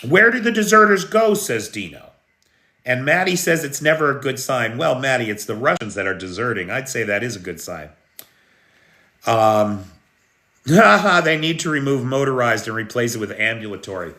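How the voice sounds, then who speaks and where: Broadcasting from a reverberant room in Kyiv as an air alert sounds, this American livestream news host talks at a moderate, unhurried pace. His medium-pitched voice is pushed and bright, with big pitch swings, while he responds to viewer comments.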